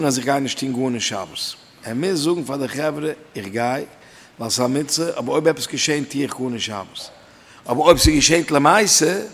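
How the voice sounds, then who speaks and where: A man gives a Torah lesson in a rough, gravelly voice. His delivery moves in a sing-song study chant, climbing and dropping for emphasis. The sound carries a long reverb, as if recorded in a hall. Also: medium pitch. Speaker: Torah teacher. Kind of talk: Talmudic lecture in Yiddish-inflected German.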